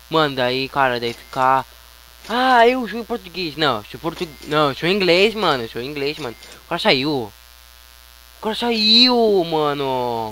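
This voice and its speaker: A Brazilian gaming YouTuber offers casual, slangy commentary on gameplay, often muttering to himself. His voice is on the high side with a fairly bright tone, and the noisy home recording carries an electrical hum.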